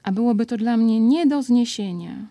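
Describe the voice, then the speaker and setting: A woman's voice: a little high, expressive, normal speed, mellow, no room sound. Winnie the Pooh, read by a woman in a lifted, plaintive voice. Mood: grumbling. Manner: raised, plaintive calls. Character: plump, good-natured, slow-witted male teddy bear. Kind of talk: storybook reading.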